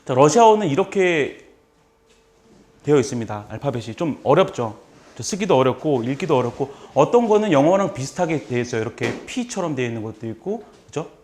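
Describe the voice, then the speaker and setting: In a seminar room before a live audience, a man teaches a basic Russian class, his mid-range, slightly mellow voice very animated and brisk. He lectures in a chatty, joking manner and repeats phrases so students can say them back.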